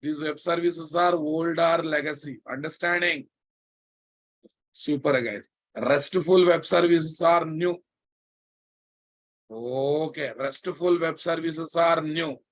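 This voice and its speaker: Slow, higher-pitched man with Telugu Indian accent. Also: steady tone. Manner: emphatic repetition with frequent check questions to students. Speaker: programming instructor. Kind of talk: live online technical lesson.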